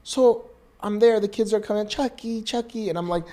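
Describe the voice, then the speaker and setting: A man co-hosting a casual podcast, telling lively stories and acting out voices. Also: high voice, normal speed. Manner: animated storyteller, acts out voices. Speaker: podcast co-host. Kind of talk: casual chat.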